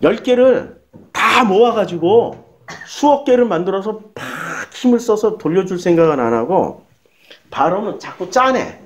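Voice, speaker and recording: A male pastor preaching a sermon in a lively, colloquial way, firing off rhetorical questions. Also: sits high, a little slow. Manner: animated, colloquial, rhetorical questions, acts out prayers.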